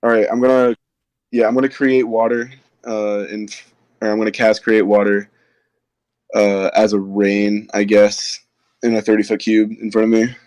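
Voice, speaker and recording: A man's voice: lowish voice, flat delivery, normal speed, a little mellow, clear, resonant tone, no echo, low-quality recording. A man playing a tabletop role-playing game, hesitant, asking questions and rewording himself. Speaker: player.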